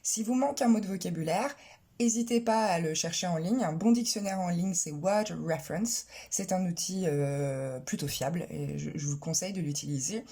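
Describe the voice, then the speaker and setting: Low, husky-voiced woman teaching English. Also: warm tone. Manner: clear, explanatory, models English pronunciation slowly. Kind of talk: online English lesson.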